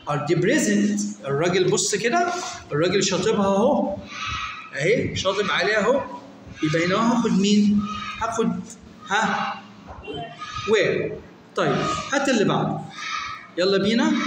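High-voiced Egyptian teacher in an echoey room. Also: male voice. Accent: Egyptian Arabic. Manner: quizzes students by name, asks and answers his own questions. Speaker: English teacher. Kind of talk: exam revision lesson. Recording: echoey room with long reverb, faint noise.

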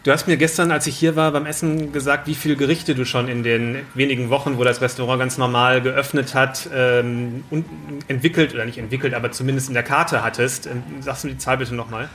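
A man's voice: medium pitch, level tone, brisk, hardly any pauses, fairly bright tone, slight background noise. A man hosting a podcast, talking casually and asking long, curious follow-up questions. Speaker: podcast host. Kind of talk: casual interview talk.

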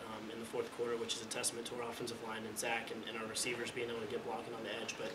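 After a game, a young college quarterback answers the press in a mid-range voice, flat, fast, and halting, repeating words as he restarts phrases. He's speaking into a table mic in an indoor press conference room. The audio is echoey, with a distant mic and background noise.

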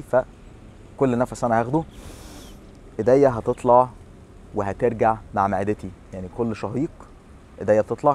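Fast-talking Egyptian man explaining to camera. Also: fairly low pitch, darkish tone, a little hiss or hum. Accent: Egyptian Arabic. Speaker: fitness presenter explaining a breathing exercise. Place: outdoor seafront bench in a city. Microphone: lapel.

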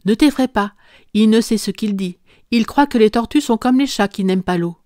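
A woman doing a calm, sensible young boy. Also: on the high side, moderate pace, no room sound, studio quality, close to an everyday voice. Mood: reasoning. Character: boy cousin, reasoning and reassuring.

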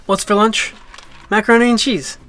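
With a high voice, fairly even intonation and a moderate pace, a young travel vlogger narrates casually against a noisy background. He's easygoing, talkative and self-deprecating, holding the camera at arm's length on a mountain trail and in his camper van.

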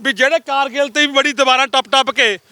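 A man's voice: extremely high pitch, fairly even intonation, fast, pushed and bright, dry recording. A man from a farmers' union, sarcastically attacking the government and police in an interview. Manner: angry, sarcastic criticism of the government.

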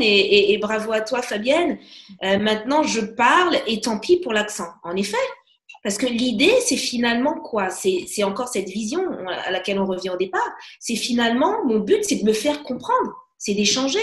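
A woman speaks as a guest coach in a casual interview, animated and full of quick restarts. Her voice sits fairly high. The recording carries a noticeable room echo. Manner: animated, many restarts and fillers. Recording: echoey room.

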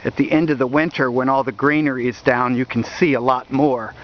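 A man narrating a walking tour outdoors along a wooded riverbank, talking in a halting way with many fillers, recorded on a handheld camera mic. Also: medium pitch, steady tone, a little hiss or hum. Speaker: history video host. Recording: dull lo-fi outdoor audio.

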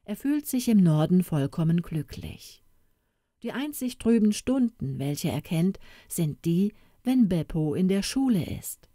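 A woman narrating a storybook audiobook in a soft, expressive, unhurried manner, recorded close to the mic. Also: lowish voice, dry recording.

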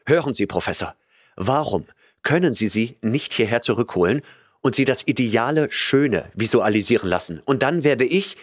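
Lovesick young man voiced by a male narrator, agitated and pleading, lively pitch. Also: moderate pace, dry recording, studio quality, close to an everyday voice. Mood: eager. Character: desperate young man in love.

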